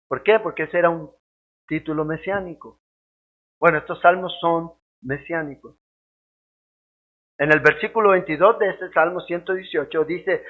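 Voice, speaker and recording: A man teaching a Bible study as a pastor, lively and conversational, often checking that listeners follow. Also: sits high. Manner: keeps asking "¿ya?" to check understanding, lively and conversational. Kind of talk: sermon-style Bible teaching. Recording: tinny phone-like sound.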